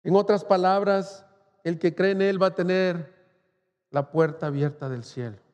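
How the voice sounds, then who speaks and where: Male pastor from Mexico, high-pitched, impassioned preaching in a reverberant church hall. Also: fairly even intonation, moderate pace, darkish tone, smooth. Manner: impassioned preaching, rising to cries. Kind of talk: sermon.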